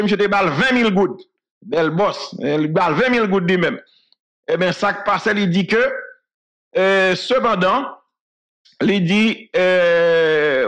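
High-voiced Haitian man rambling through news. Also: fairly bright tone. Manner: rambling, laughs often, switches between Creole and French. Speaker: online news commentator. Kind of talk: casual commentary.

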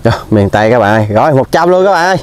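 A man's voice: mid-range voice, animated, racing, a crowd in the background. Young male host, Mekong Delta accent, jokey, talks to camera in open field. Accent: Southern Vietnamese (Mekong Delta). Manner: jokey, addresses viewers directly. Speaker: vlog host. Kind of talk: casual outdoor cooking vlog. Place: rice field bank outdoors.

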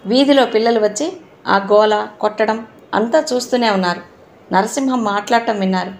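Gravelly-voiced woman narrating a novel. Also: mid-range voice, moderate pace. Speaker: audiobook narrator.

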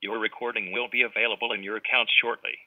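A man's recorded answering machine message, giving formal, measured voicemail instructions as an automated system. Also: on the low side, flat delivery, no room sound. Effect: answering machine message over a phone line. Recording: tinny phone line.

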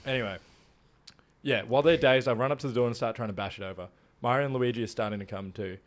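A young Australian man telling a tall tale on a casual podcast. He talks in an animated, chatty way and swears freely. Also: mid-range voice, fast. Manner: animated, swears a lot, laughs through his stories. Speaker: podcast co-host. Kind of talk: casual storytelling.

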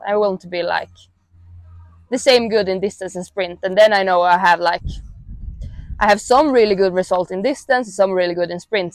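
A young woman with a Swedish accent, a native Swedish speaker, giving relaxed, halting interview answers full of fillers, outdoors on a lapel mic. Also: medium pitch, no room sound. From Sweden. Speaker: athlete interviewee. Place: outdoors in a grassy mountain meadow.

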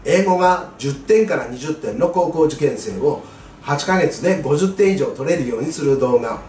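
A man tutoring exam students in English grammar, patient and clear, stressing key words with a rise in pitch. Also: lively intonation, normal speed, darkish tone, distant mic, slight background noise. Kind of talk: lesson explaining grammar. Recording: echoey room, voice away from mic, faint music.

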